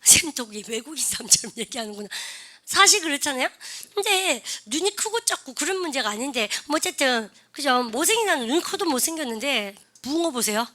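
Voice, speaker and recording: Bright, lively woman teacher. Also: sits high, fairly quick. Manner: animated, coaxing, calls out cues for the class. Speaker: English teacher. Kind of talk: classroom lecture with repeat-after-me drills.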